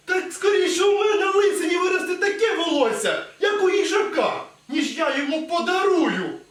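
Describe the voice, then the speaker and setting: A man's voice: very high voice, animated, normal speed. A student actor playing a pompous, indignant rural would-be nobleman in a school stage play. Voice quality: blustering, indignant shouting. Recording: echoey hall, mic far off.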